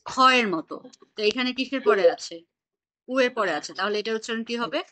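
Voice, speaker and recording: A woman's voice: on the high side, fairly quick, a bit bright. A woman teaching an online German class, patiently quizzing her students on pronunciation over a video call.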